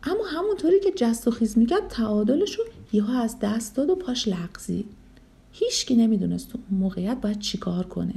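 A woman narrating a children's story with expressive, dramatic delivery. Her voice is high and gravelly, with a mellow, dark tone. Her pitch rises and falls widely as she tells it.

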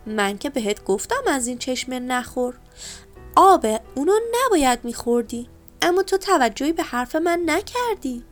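A wise little storybook bee with a high, light voice, as a woman puts it on. It talks patiently and gently scolds like a caring elder. Soft music plays faintly behind. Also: animated. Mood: scolding.

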